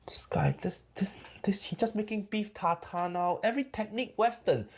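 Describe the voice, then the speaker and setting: A man's voice: high-pitched, fairly quick, natural voice. A man playing a brash middle-aged uncle food critic, mocking a cook in broken English with a put-on Chinese accent. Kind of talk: comedic cooking reaction.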